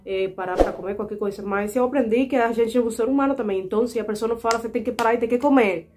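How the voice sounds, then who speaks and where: A woman's voice: on the high side, rapid-fire, background noise. A Cuban woman in her twenties, speaking Portuguese as a second language with a Cuban Spanish accent, chatting casually to her viewers as she tells a story. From Cuba. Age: 20s. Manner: chatty, animated, frequent fillers and asides to viewers. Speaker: vlogger.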